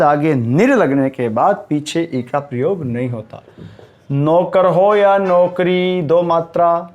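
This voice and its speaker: A male teacher giving a spelling lesson to exam students, slowly repeating each word for emphasis. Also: a little high. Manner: slow, repeats words for emphasis.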